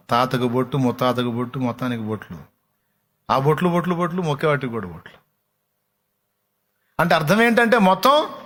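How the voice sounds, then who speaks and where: A man preaching a sermon with dramatic flair, firing rhetorical questions at his congregation. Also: medium pitch.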